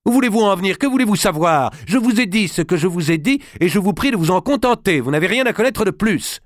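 A man playing a hot-tempered young king, shouting high and strained in a storybook reading. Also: animated, quick pace, dry recording, clean studio sound. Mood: furious.

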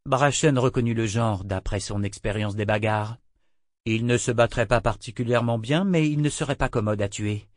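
A man narrating an audiobook in a measured, even storytelling manner on a close studio mic. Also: on the low side, dry recording.

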